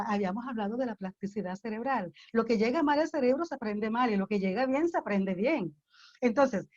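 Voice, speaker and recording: A woman's voice: fairly high pitch, a little mellow. Didactic woman teacher, lo-fi audio. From Colombia. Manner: didactic, repeats key phrases for emphasis. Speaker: teacher giving a talk to parents. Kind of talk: slide-based lecture to parents.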